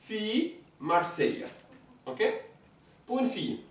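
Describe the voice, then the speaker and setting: A teacher leads a beginner class at an unhurried pace, repeating each word and pausing to check that everyone follows. The voice rises and falls a great deal. It sounds distant and roomy, as if caught by a microphone across the classroom. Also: mid-range voice, sing-song. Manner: patient, repeats words slowly, checks understanding. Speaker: Arabic teacher. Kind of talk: classroom lesson.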